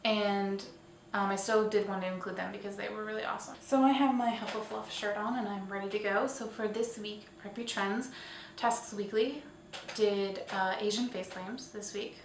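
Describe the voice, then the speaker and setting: A woman with a medium-pitched voice hosts a weekly online show, delivering casual vlog commentary from a loose outline. She speaks at a moderate pace with fairly even intonation, informally and a bit hesitantly, as if thinking aloud; the roomy recording uses a distant mic and has faint noise.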